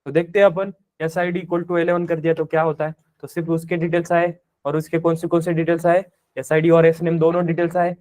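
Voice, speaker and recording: A man's voice: on the high side, flat delivery, brisk, few pauses, darkish tone. A man teaching a live programming class, explaining step by step, mixing in English technical terms and asking the students rhetorical questions. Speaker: programming instructor. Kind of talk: live classroom coding lecture.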